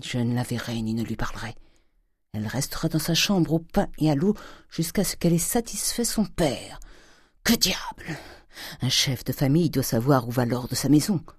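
A woman reading aloud voicing a tyrannical, miserly old father who scolds and blusters in a raised, loud voice. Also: rumbling low, animated, normal speed, husky, no room sound, studio quality, full character voice. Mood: stern.

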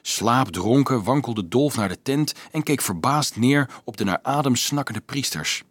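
A man reading a novel aloud in an expressive, storytelling way. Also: mid-range voice, a little slow, breathy edge, no room sound. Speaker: audiobook narrator. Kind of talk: scripted narration.

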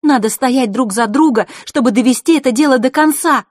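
Storybook figure: a high, shouting, hot-tempered young girl, as a woman reader puts her on. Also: brisk, no room sound, studio quality. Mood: fervent. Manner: shrill and indignant.

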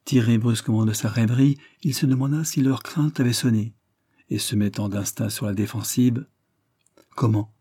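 A man reading a literary short story aloud as an audiobook narrator, in a measured, even storytelling manner on a close mic. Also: mid-range voice, dry recording.

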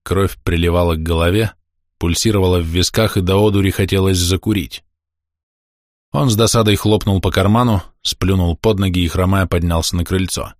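Low-voiced male audiobook narrator. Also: fairly even intonation, brisk, no room sound, clean studio sound.

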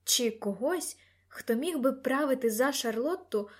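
A woman reads a novel aloud in the first person, with a somewhat high voice. Her narration is lively and expressive, shaping each sentence for the listener. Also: measured pace. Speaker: audiobook narrator.

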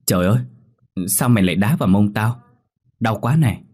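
A man voicing a curious, quick-talking little village girl. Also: lowish voice, warm tone, breathy edge. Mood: eager.

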